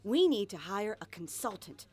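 A woman's voice: medium pitch, very animated, moderate pace, noisy background, lightly acted. A woman voicing an entitled rich lobbyist who talks brashly and swears.

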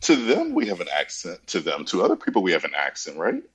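A man's voice: low voice, wildly swooping pitch, fast, breathy edge, rough recording. An American man chiming in agreeably during a casual film discussion.

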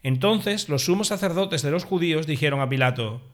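A man reading the Passion Gospel aloud as a lector, steady and measured. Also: on the high side.

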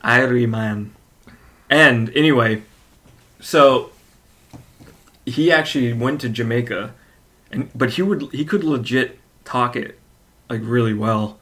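A man's voice: medium pitch, slow pace, pauses often, fairly bright tone. Rambling, joking podcast man. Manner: joking, rambling, laughs often. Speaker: podcast co-host. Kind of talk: casual chat.

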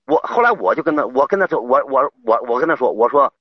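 A husky man phones in to an advice livestream and stumbles through his story, repeating himself often. His pitch swings widely as he talks. The call sounds dull and lo-fi, and dry. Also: sing-song, no room sound. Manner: halting, stammers and repeats himself. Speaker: caller. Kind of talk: emotional call-in confession.

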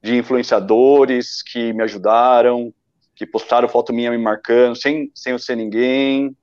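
A man's voice: medium pitch, steady tone, unhurried, a little mellow. A Brazilian man, a photographer guest, telling rambling stories with enthusiasm in casual podcast chat. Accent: Brazilian Portuguese. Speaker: running-event photographer, guest. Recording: dull lo-fi sound.

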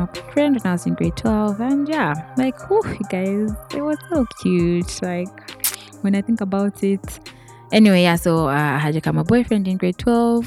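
A woman, chatting casually to viewers as she tells a story. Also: low voice. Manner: chatty, addresses viewers directly, animated. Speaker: vlogger.

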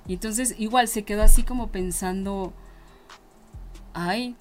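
A woman's voice: mid-range voice, steady tone, brisk, faint music behind. A woman, chatting casually and telling stories with quoted dialogue in a direct manner. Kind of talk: casual conversation.

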